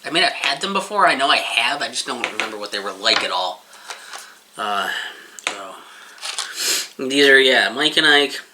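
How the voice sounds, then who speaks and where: A casual reviewer chats through a taste test in a rambling, informal way with plenty of swearing. The voice is bright and forceful, with animated swings in pitch. There is clear background noise on the recording. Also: moderate pace, long pauses. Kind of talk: casual rambling chat, reviewing while eating.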